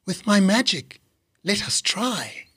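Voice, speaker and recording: Storybook read-aloud: a woman lowering her voice for a husky, sing-song fairy godmother. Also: sing-song, takes it slowly, fairly bright tone, no echo, clean studio sound, full character voice. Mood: solemn. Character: fairy godmother and herald, calm and solemn.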